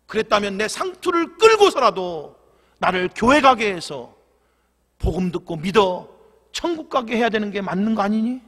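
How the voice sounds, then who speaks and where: A man's voice: extremely high pitch, full character voice. A man voicing a stern, furious old grandfather who scolds his grandson, in a reverberant church hall. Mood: anguished reproach. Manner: shouting, scolding.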